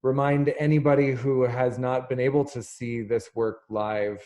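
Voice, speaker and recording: A man moderating an artist talkback over a video call, giving closing thanks in an unhurried way with many fillers. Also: mid-range voice, steady tone, dark tone. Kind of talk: closing remarks in a video chat.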